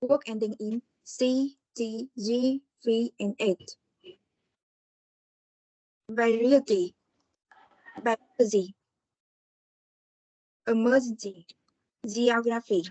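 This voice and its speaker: Slow-reading young woman presenter. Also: on the high side, fairly even intonation, warm tone, dry recording, rough recording. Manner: slow, word-by-word reading of examples. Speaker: student presenter.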